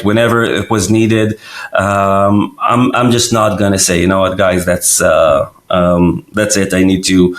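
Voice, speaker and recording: A company founder from Israel answers casual interview questions as a guest. He has a low voice and sounds hesitant, with plenty of fillers and restarts.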